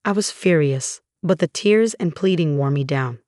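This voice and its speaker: A woman narrating a first-person story in an even, measured way. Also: sits low, no room sound, clean studio sound.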